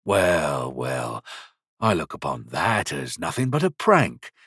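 A man voicing a small, round, stern shop master who speaks quietly, gently but sternly, with calm threats and a dry whisper. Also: rumbling low, unhurried, breathy edge, dry recording, voice pushed down, heavily acted. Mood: menacing.

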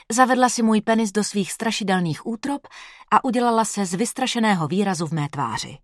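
A woman's voice: fairly low pitch, dry recording. Woman reading a story, dry sound. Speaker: audiobook reader. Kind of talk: first-person story narration.

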